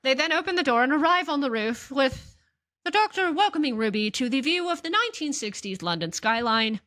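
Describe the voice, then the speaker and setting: A woman's voice: sits high, expressive, a little fast, fairly bright tone. A woman hosting a podcast, recapping an episode casually, laughing often and acting out scenes. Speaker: podcast host.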